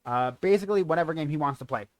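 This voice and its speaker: A man's voice: on the high side, expressive, rapid-fire, no echo. A young man, a streamer, casually running through his donation tiers and schedule, rambling and correcting himself as he goes.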